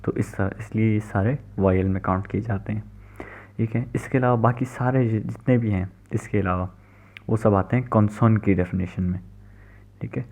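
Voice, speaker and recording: A man's voice: on the low side, fairly even intonation, normal speed, darkish tone. A man giving a recorded language lecture, explaining patiently and checking in often. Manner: explains patiently, repeats "theek hai" often. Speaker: language teacher. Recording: tinny phone-like recording.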